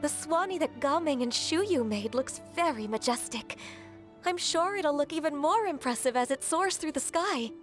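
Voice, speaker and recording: Very high-voiced polite little girl. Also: animated, moderate pace, soft background music. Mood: admiring. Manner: courteous, earnest. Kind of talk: video game voice acting.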